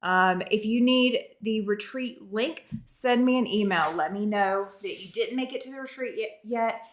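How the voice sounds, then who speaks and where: An echoey, warehouse-like garage sound surrounds a woman hosting a casual livestream. She speaks at a middle pitch, chatting directly to her viewers in an informal, unscripted way. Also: normal speed. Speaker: livestream host of a quilting channel. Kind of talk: casual live-stream chat. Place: garage studio, indoors.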